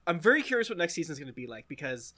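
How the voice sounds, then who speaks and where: Bright-voiced man in casual chat. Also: a little high, racing. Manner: animated, swearing, breaks into laughter and goofy impressions.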